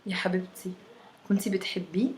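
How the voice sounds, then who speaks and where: A woman's voice: racing, natural voice. A woman voicing a curious, teasing young woman who keeps asking her friend questions. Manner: eager questioning, raised pitch.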